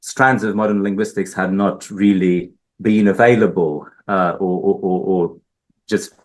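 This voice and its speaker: A guest linguist from Hungary, interviewed at a research institute building, hesitates often, filling pauses and restarting his sentences. His voice sits low, with a steady tone and a measured pace.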